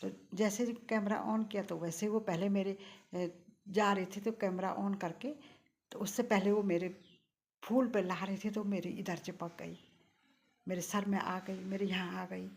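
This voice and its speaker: A woman's voice: medium pitch, fairly even intonation, measured pace, a little mellow. An older woman vlogger telling a personal story in a rambling, emotional and devout way. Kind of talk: casual vlog storytelling.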